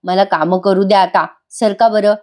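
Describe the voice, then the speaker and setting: A woman reading the lines of a bossy young wife who scolds and teases, in a slightly raised, sharp voice. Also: medium pitch, fairly even intonation, normal speed, lightly acted. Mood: scolding.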